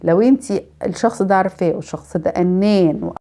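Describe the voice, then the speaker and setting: A woman with an Egyptian accent giving a life-advice talk, explaining in an animated way. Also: lowish voice, fast. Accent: Egyptian Arabic. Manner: explanatory, animated, acts out examples.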